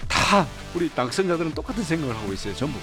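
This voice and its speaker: A man's voice: on the high side, sing-song, racing. Assertive male politician over guitar music. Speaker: politician in interview. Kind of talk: radio interview clip.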